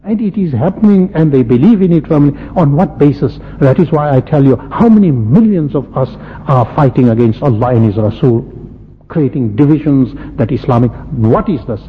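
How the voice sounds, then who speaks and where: With an animated, medium-pitched voice at normal speed, a man from South Africa delivers an emphatic, impassioned Islamic sermon full of repetition and rhetorical questions. The sound is muffled and echoes around a hall, with noise in the background.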